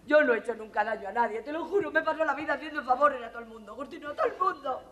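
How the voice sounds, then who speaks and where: A woman's voice: high voice, animated, fairly bright tone, echoey room. Luckless jilted woman on stage. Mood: heartbroken pleading. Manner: quick comic asides turning to tearful pleading. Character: luckless jilted woman, comic yet heartbroken. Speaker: lead actress in a stage revue. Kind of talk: stage comedy performance. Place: theater stage before a live audience. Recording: 1980s television theater recording with audience laughter.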